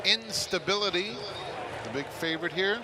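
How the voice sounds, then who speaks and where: A man's voice: high voice, normal speed. A man calling a live horse race as the track announcer at a racetrack. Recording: clear outdoor track noise.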